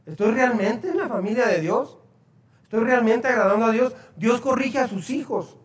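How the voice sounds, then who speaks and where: A man's voice: very high voice, expressive, moderate pace. A man, his words ringing around an echoey church hall on a poor recording. He talks to the congregation conversationally and keeps quizzing them with questions. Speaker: pastor. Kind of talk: sermon.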